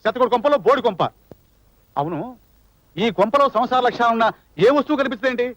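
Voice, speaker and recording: A man's voice: very high voice, expressive, fast, no room sound, muffled recording. An actor playing an irate boss who scolds and mocks his employee sarcastically in a comic film scene. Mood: scolding.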